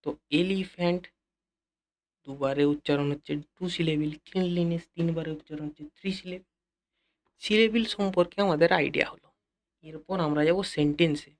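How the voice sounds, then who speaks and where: A man teaching an English lesson in a Bengali accent, repeating key phrases slowly and speaking directly to his students. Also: fairly high pitch. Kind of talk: classroom-style lesson explanation.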